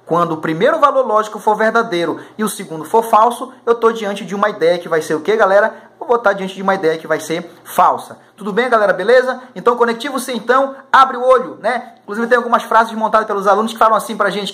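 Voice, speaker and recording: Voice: mid-range voice, quick pace, few pauses, fairly bright tone. A teacher from Brazil, giving a recorded lesson for exam prep in a casual, slangy way and constantly checking in with the students. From Macapá, Brazil.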